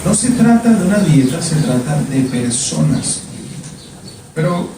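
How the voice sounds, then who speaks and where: A man's voice: fairly high pitch, big pitch swings, measured pace, noisy background. Echoey, distant man preaching. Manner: emphatic, repeats words and asks the congregation questions. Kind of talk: sermon. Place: church sanctuary.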